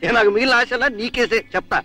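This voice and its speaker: An actor playing a blustering, scheming rich middle-aged father in a 1980s film, loud, with a catchphrase he keeps repeating. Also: very high-pitched, quick pace.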